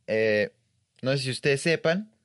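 A man's voice: medium pitch, lively intonation, unhurried, fairly bright tone, no room sound. A man with a Mexican accent giving a crude, slangy comedic monologue.

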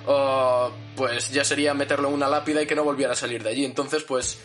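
A man's voice: mid-range voice, level tone, fast, fairly bright tone. A man hosting a podcast in the manner of a wrestling commentator, talking conversationally over music. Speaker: podcast host. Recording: music bed behind the voice. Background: guitar music.

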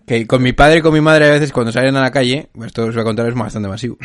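A man's voice: medium pitch, fairly even intonation, fast, no room sound. Male co-host, joking banter, dry close mic. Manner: joking, tells stories animatedly. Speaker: podcast co-host. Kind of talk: casual chat. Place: home during lockdown.

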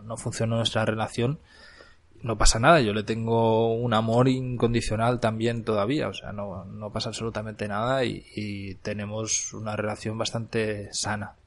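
With a lowish, creaky voice and a Barcelona Spanish accent, a Catalan man in his thirties reflects on his life abroad while hosting a podcast from Granada, Nicaragua. His unhurried storytelling monologue is full of fillers and restarts.

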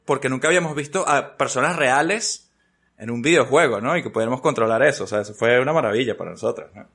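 A man's voice: medium pitch, pushed and bright. A middle-aged man hosts a casual podcast interview, chatting freely, repeating himself and often checking with short tag questions. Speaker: podcast host.

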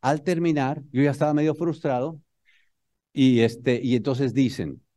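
A man with a Mexican accent telling a humorous story to an audience in an animated, motivational speaking style. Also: mid-range voice, measured pace, dry recording.

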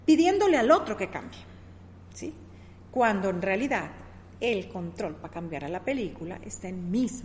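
A woman's voice: medium pitch, in a large hall, a little hiss or hum. A middle-aged woman who explains ideas in a conversational teaching style, working through examples and often checking "¿sí?" with her listener.

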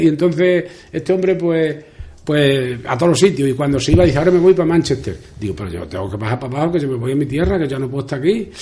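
A man's voice: a little high, mellow. An older man from Spain with an Extremaduran accent, telling a long story in a rambling way as a radio interview guest, repeating words and acting out past conversations. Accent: Extremaduran Spanish. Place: local radio studio.

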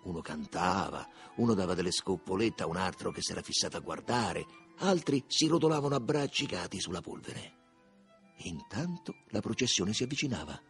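A man narrating a literary audiobook in a measured, expressive reading. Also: low voice, faint music behind. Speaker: audiobook reader.

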